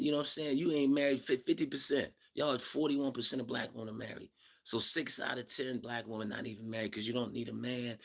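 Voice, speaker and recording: A man in his fifties hosts a live stream in a blunt, profane, preachy monologue. His voice is gravelly and husky, with a rough edge to every line. He greets viewers in the chat between his points. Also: mid-range voice. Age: 50s. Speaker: livestream host. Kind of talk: livestream monologue.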